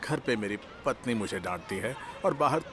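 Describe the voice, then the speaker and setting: A man's voice: fairly low pitch, lively intonation, normal speed, background noise, natural voice. A middle-aged man voicing a teasing, easygoing taekwondo studio owner in a drama dub.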